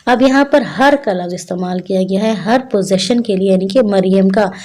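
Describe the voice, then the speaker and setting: A woman teacher, reading English lines slowly and explaining them to young children. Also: medium pitch, darkish tone. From Pakistan. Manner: addresses children as "beta" and "bachche". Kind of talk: classroom lesson explanation.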